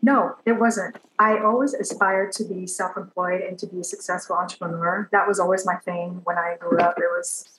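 A woman's voice: on the low side, normal speed, few pauses. Woman from Taiwan, raised in Los Angeles, chatty podcast guest, roomy echo, faint hiss behind. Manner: open, animated storyteller with easy laughs. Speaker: realtor and guest. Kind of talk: podcast interview storytelling. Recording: echoey room with faint background noise.

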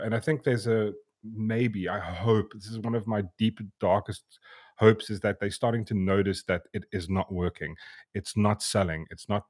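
Husky low-voiced man on a podcast. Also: darkish tone. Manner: laughing often, sarcastic, halting restarts. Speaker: podcast co-host. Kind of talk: casual podcast chat.

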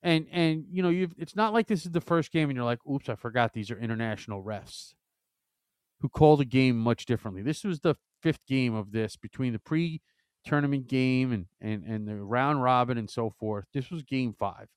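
A man's voice: mid-range voice, moderate pace, clear, resonant tone, no echo, studio quality. Exasperated hockey analyst guy, stammers a bit, clean voice. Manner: exasperated, animated, stammering restarts. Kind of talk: casual sports chat.

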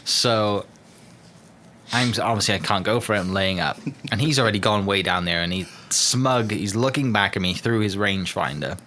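A man in relaxed casual chat, telling a golf story in an unhurried way. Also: lowish voice.

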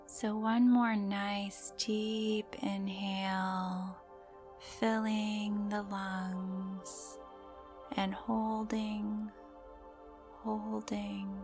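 A woman guiding a meditation in a soft, breathy, soothing voice, with gentle drawn-out phrasing and pauses. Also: medium pitch. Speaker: meditation guide.

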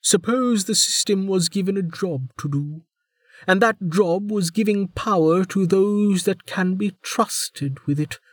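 A man putting on a very old, imperious female warden, pitched well above his normal voice and drawling with slow, mocking emphasis. She sounds teasing and sardonic, delivered in a close, dry audiobook read. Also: no echo. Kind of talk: audiobook character voice.

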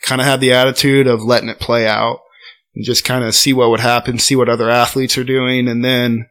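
A young college golfer guests on a podcast from a garage studio, chatting loosely and telling stories stuffed with "like" and "I mean". His medium-pitched, fairly bright voice stays level and moves fairly quickly.

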